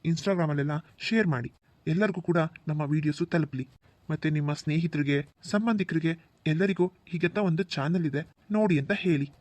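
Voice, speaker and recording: Channel creator outro: a man with a slightly high voice, friendly and pleading. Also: darkish tone, dry recording. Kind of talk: casual appeal to viewers.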